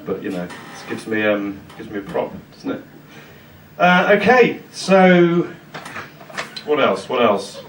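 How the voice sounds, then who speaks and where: A British man doing live stand-up patter in an awkward, rambling, halting way, like a comic whose jokes are bombing. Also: mid-range voice, big pitch swings, a little hiss or hum. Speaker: stand-up comedian with songs. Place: small live comedy venue on stage. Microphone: stage microphone. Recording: echoey live venue, distant, music behind.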